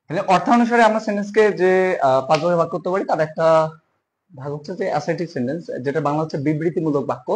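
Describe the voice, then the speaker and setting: Fairly high-voiced man teaching grammar. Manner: spells words out letter by letter, drawls key terms slowly. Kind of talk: casual spoken grammar lesson.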